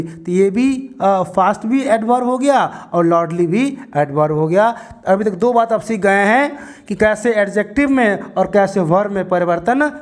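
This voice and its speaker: A man teaches English grammar at an unhurried pace. He explains step by step and poses questions to the class, then answers them himself. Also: high-pitched. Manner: explains patiently, asks and answers his own questions.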